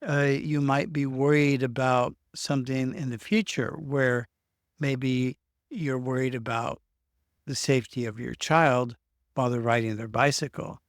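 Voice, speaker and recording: A self-help video host, a man whose first language is English, talks through ideas about worry in an unscripted, rambling way, often restarting words mid-sentence. His voice is medium-pitched with fairly even intonation and a slightly slow pace. The recording, made in Norway, is clean studio sound with no echo.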